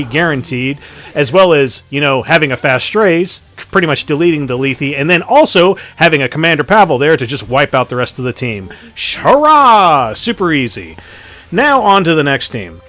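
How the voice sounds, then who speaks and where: A man's voice: fairly high pitch, a bit bright. A man giving casual, joking commentary over his game matches, swearing freely. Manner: profane, joking, offhand. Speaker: gaming commentator.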